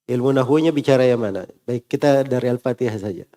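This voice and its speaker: A man's voice: medium pitch, fast talker, warm tone. A man teaching an Arabic grammar lesson, asking the class questions and drilling word endings. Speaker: Islamic teacher.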